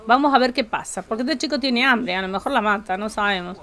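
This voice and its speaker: Woman, Rioplatense accent, high voice, giggly teasing gameplay chatter, desk mic. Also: quick pace, sharp tone. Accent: Rioplatense Spanish. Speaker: streamer playing a life-sim game. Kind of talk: casual gameplay commentary.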